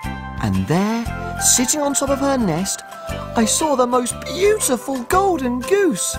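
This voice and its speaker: An actor playing a tiny, excitable, cheerful cook, speaking in an exaggerated, animated children's TV storytelling manner. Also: male voice, very high voice, slow pace, heavily acted. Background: music.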